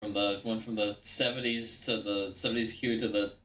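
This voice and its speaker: A man's voice: on the low side, little pitch movement, normal speed, fairly bright tone. A man giving casual, foul-mouthed reaction commentary as the host. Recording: roomy echo, distant mic, background chatter.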